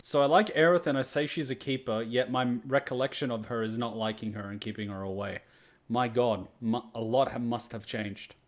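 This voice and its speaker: A man giving casual reaction commentary over a video game, excitable and rambling, with a dramatic streak. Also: mid-range voice, moderate pace, faint music behind. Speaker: gaming reactor.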